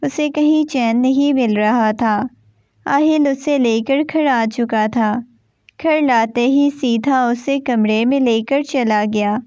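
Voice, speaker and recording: High-voiced woman narrating a romance novel. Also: a little mellow, no room sound. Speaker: novel reader. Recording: dull, dry lo-fi recording.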